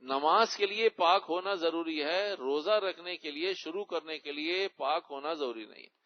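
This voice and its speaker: A man, an Islamic scholar, lays out religious rulings for an audience in a Q&A lecture, repeating key words to drive them home. His voice sits a little high. The recording is dull and lo-fi. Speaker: Islamic scholar answering questions.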